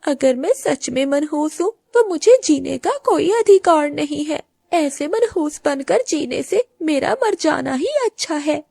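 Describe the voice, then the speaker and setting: A woman's voice: high voice, lively intonation, unhurried, creaky, hardly any pauses, mellow, no echo, studio quality. A woman voicing a grieving, outcast young female crow in a cartoon, tearful and pleading. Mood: despairing. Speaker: voice actor. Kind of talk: cartoon voice acting.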